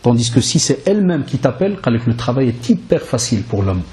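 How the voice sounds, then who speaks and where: A male preacher giving a sermon in a lively, conversational way, full of rhetorical questions and Arabic religious phrases. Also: medium pitch, fairly quick. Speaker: preacher and lecturer.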